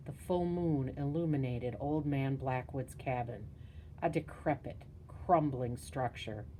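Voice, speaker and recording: A woman narrating a spooky children's story in a measured, hushed storytelling manner. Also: low-pitched, slight background noise, low-quality recording. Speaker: audiobook narrator.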